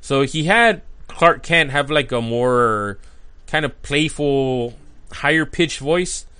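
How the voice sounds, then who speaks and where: A man's voice: medium pitch, lively intonation, slow pace, pushed and bright, clean tone. A man giving a casual, chatty commentary as he recaps a cartoon, full of enthusiasm and sprinkled with "like" and "uh.". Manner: enthusiastic and chatty, with frequent "like" and "uh" fillers. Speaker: cartoon reviewer.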